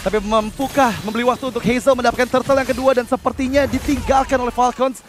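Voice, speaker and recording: A man's voice: very high voice, fairly even intonation, fast, slight background noise. A man working as an esports caster, giving dramatic play-by-play commentary on a game.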